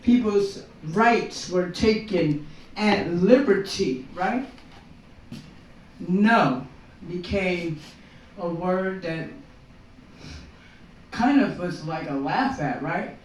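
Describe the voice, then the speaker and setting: A woman's voice: on the low side, very slow, pauses often, slight background noise. A woman doing a stand-up monologue at an open mic, rambling and constantly checking in with the crowd. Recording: very echoey room from far off.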